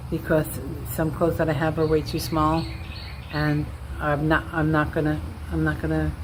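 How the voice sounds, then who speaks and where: A woman's voice: fairly low pitch, noisy background. Candid woman in her sixties. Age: 60s. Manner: candid, rambling, self-deprecating. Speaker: vlogger. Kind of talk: casual personal vlog.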